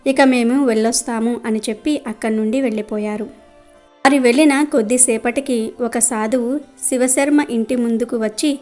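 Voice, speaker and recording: A woman narrating a devotional story in a steady, measured storytelling voice. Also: a little high, faint music behind.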